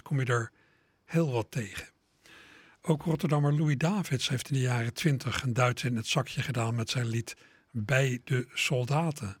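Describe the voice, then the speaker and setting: Brief: male radio host, husky voice, dry close sound, easygoing and a little hesitant. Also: medium pitch, no echo. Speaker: radio presenter. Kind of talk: radio music programme presentation.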